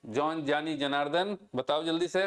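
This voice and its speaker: A young Indian man teaching biology in an online lecture. He reads English lines slowly, explains them in Hindi, and keeps checking that students follow. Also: a little high. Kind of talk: online exam-prep lecture.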